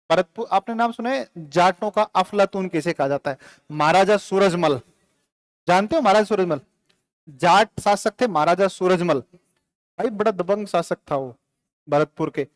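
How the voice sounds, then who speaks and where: A male teacher giving a live classroom lecture, firing quick questions at students and joking with the class. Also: sits high.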